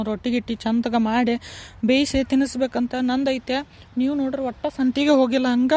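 A woman's voice: a little high, darkish tone, natural voice. Woman doing a nagging village mother. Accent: North Karnataka Kannada. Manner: scolding and nagging. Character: fussy, doting village mother, middle-aged woman. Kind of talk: cartoon voice acting.

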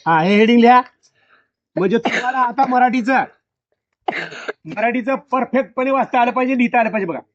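A man's voice: extremely high pitch, fairly quick, long pauses, no echo. Male teacher in a classroom, keeps firing the same question at pupils, dry, dull lo-fi recording. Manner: repeats questions to pupils, drilling. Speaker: school teacher.

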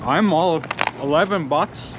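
Man, slightly high voice, chatty pizza reviewer, talking while chewing, outdoor traffic noise behind. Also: a little slow. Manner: chatty, upbeat, filler-heavy. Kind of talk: casual food review. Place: outdoors by a parking lot.

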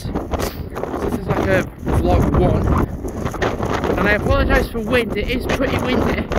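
High-voiced vlogger in wind. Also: male voice. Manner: chatty, thinks aloud, reads signs out. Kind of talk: casual walking vlog narration. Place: outdoors on snowy paths by a stadium. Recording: wind noise on an outdoor mic.

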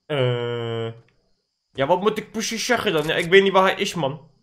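A young man commentating his own Fortnite match for his channel, excitable and swearing, with English slang mixed in. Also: on the high side, normal speed. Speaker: gaming YouTuber.

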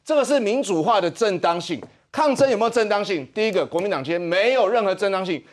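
A man's voice: sits high, animated, fast talker. A man, a guest on a political talk show, arguing his points emphatically one by one.

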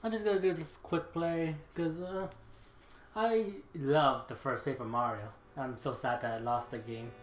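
A man's voice: fairly high pitch, steady tone, measured pace, echoey room, faint music behind. A man hosting a gaming video with casual commentary as he plays. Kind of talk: casual game commentary with dialogue reading.

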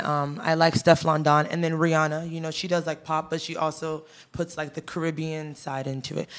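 Her voice is deep: a young Ghanaian-born singer raised in the U.S., casually answering interview questions. She's easygoing and fills her speech with "you know" and "um." The setting is a studio with a teal backdrop, and she speaks into a handheld mic held close to her mouth.

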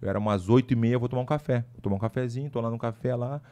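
A man, a podcast guest, telling a story casually in an animated, slangy way with lots of asides. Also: mid-range voice, racing.

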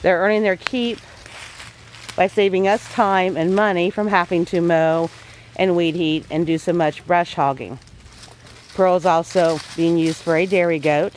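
A woman's voice: fairly low pitch, darkish tone, slight background noise, low-quality recording. A woman homesteader giving a casual voice-over, plain-spoken and folksy with homey farm phrasing.

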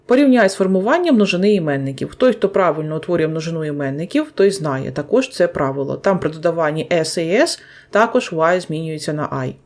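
A woman teacher with a Ukrainian accent, calmly and methodically explaining English grammar rules, repeating each rule step by step. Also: deep voice, brisk.

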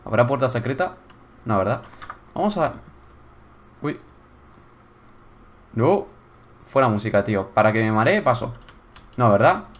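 A young man with a Spain Spanish accent giving casual gameplay commentary on a viewer's build, excitable and bursting into loud exclamations. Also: mid-range voice, unhurried, long pauses. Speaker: YouTuber touring viewer builds.

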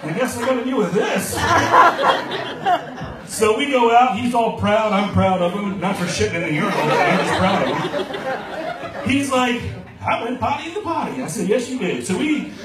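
A Maryland comedian in his thirties performs a brash, profane stand-up set on a small club stage, acting out the voices of people in his stories. His voice is high at normal speed. Filmed from the audience with his handheld mic, the roomy, distant sound is very noisy with loud laughter.

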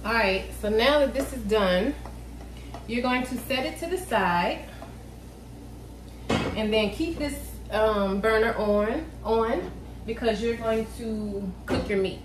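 A woman's voice: a little high, takes it slowly. A woman in her thirties talking casually through a home cooking session, thinking aloud with fillers. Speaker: cooking vlogger. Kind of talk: casual cook-along narration. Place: home kitchen, indoors. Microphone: camera on the counter. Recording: echoey kitchen with frying noise. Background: food sizzling in a pan.

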